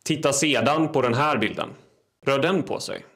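A man talks straight to his audience in short, snappy quiz and fact clips. His voice sits in a middle pitch, and he delivers jokes and questions quickly with a deadpan edge. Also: gravelly. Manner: fast, punchy delivery with deadpan pun jokes. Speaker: TikTok creator.

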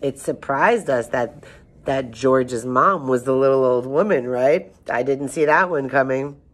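A woman's voice: extremely low pitch, unhurried. A woman hosting a children's read-aloud, reading a story and chatting in a friendly way with young listeners.

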